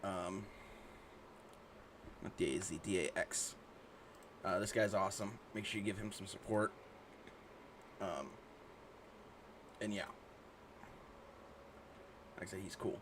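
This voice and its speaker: A man signing off a stream in a laid-back, halting way. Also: low-pitched, steady tone, a little hiss or hum. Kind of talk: casual stream sign-off.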